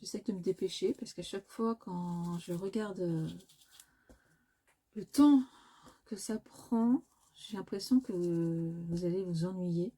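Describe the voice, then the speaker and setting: A woman's voice: fairly low pitch, takes it slowly, mellow, breathy edge. Hesitant French-speaking woman demonstrating crafts. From France. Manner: hesitant, many filler sounds, self-correcting. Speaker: crafting video host.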